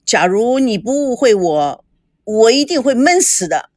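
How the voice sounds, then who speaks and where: A woman's voice: on the high side, sing-song, unhurried, a little mellow, no echo, pitched above the performer's own voice. A sly young woman who sounds aggrieved and wheedling, her voice rising and falling widely, as a woman storyteller puts her on. The voice is dry and close. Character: sly young woman, plays the wounded friend.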